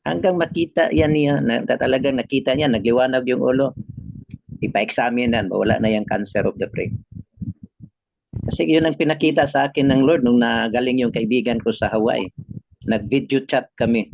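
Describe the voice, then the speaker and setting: Filipino preacher, middle pitch, call-and-response delivery, muffled noisy recording. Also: male voice, normal speed, gravelly, darkish tone. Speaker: pastor. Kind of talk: sermon. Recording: dull lo-fi recording with background noise.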